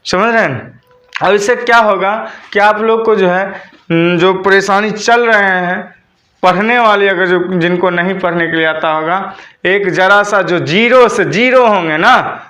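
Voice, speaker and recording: A man's voice: sits high, a little slow, sharp tone. A man teaching a classroom lesson. He spells words out letter by letter and keeps asking the students questions. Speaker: English teacher. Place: classroom with a board.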